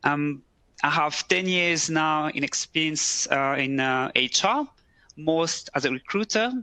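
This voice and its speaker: Bright-voiced man presenting. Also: on the high side, a little slow, smooth, no room sound. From French-speaking Switzerland. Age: 30s. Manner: relaxed, slightly broken English phrasing. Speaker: recruiter. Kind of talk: webcast presentation. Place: office.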